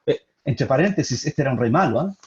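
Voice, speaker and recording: A man preaching a sermon as pastor, with emphatic delivery that slows down for key points. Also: medium pitch, lively intonation. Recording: dull lo-fi recording.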